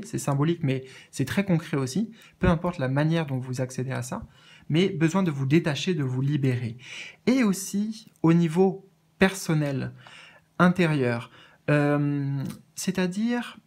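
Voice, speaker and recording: A man doing a casual spiritual card reading, earnest and gentle, with many fillers and restarts. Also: on the high side. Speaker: medium reading oracle cards.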